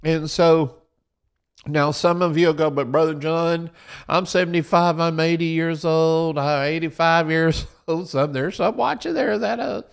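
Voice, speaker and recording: With a fairly high voice, a touch slow, with vocal fry and a clean tone, this man preaches financial advice to viewers as if from a pulpit, his voice slightly raised. He's folksy and repetitive, returning to his points again and again and urging everyone to write things down.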